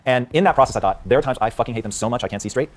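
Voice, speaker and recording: A man's voice: mid-range voice, very fast. A man hosting a podcast interview who speaks in an intense, blunt and emphatic way. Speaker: podcast host. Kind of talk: conversational interview.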